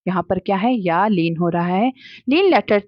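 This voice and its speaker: A woman teaches children to read the Quran, patiently explaining each rule. She stretches the example syllables out slowly and drops English words into her sentences. The recording is dry and slightly dull. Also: on the low side, expressive, dry recording. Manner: patient explaining, slow drawn-out demonstrated syllables; mixes English words into Hindi speech. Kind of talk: Quran recitation lesson for kids.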